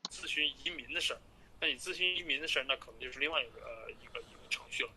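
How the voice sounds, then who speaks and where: Fast-talking man on a phone call, bright voice. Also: medium pitch. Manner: halting and repetitive, stammering over words. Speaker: immigration and study-abroad agent. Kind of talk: business phone call, explaining and reassuring a client. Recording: noisy recorded phone call.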